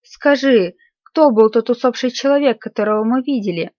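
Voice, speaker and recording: A woman's voice: on the high side, moderate pace, a little mellow, no room sound, lightly acted. A woman voicing an anxious old miser. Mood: pleading. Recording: slightly muffled dry recording.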